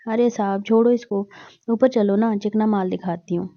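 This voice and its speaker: A woman voicing a greedy middle-aged brothel keeper who wheedles and mocks in a sharp-tongued way, louder than her narration. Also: mid-range voice, steady tone, normal speed, no echo, dull audio, natural voice. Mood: wheedling.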